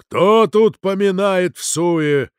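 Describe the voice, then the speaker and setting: A man doing a booming, scolding priest. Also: takes it slowly, clear, resonant tone, no echo, clean studio sound. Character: stern, booming male priest, threatening.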